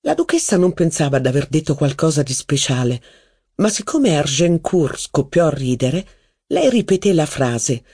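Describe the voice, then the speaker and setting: A man reading a literary novel aloud as an audiobook in a measured, expressive manner. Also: fairly high pitch, husky, no room sound, studio quality. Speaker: audiobook reader.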